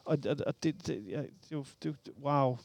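A Danish man talking as a podcast guest in casual chat, halting and animated, full of restarts. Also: a little high, vocal fry, dry recording.

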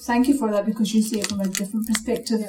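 A woman's voice: medium pitch, fairly even intonation, rapid-fire, a little mellow. A woman on a panel speaking earnestly, building to rallying calls. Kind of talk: panel talk. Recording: distant voice in an echoey hall.

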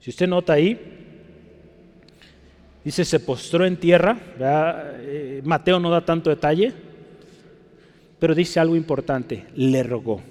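A man's voice: a little high, unhurried, long pauses, a little mellow, in a large hall. A man preaching a sermon, emphatic and pleading, often asking his listeners to look closely and agree. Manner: emphatic, pleading, repeats 'fíjese' and '¿verdad?'.

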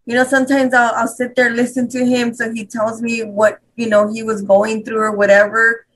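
A woman's voice: a little high, level tone, moderate pace, fairly bright tone, slight background noise, poor audio. A middle-aged woman, a guest on a radio interview, telling a personal account in a conversational way, full of "you know" fillers.

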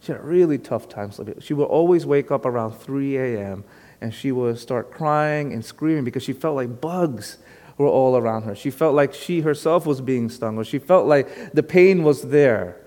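A man's voice: mid-range voice, moderate pace, a little mellow. Conversational man preaching in a reverberant hall. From Brooklyn, New York. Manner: conversational, self-deprecating, with frequent fillers. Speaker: guest pastor. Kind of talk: sermon.

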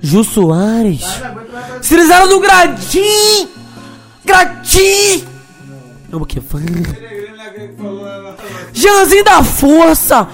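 A man from Brazil, a DJ, rattling off crude, rowdy shout-outs over a mix, yelling names and laughing. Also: very high-pitched, wildly swooping pitch, very slow, pauses often. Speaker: DJ giving shout-outs on his podcast mix. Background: funk music beat.

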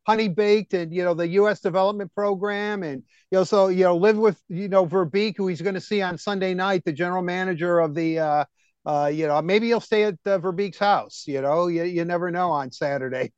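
High-voiced, rambling man co-hosting sports talk. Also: brisk, smooth, no room sound, lo-fi sound. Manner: rambling, heavy on fillers, excitable. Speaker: co-host. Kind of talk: casual sports chat.

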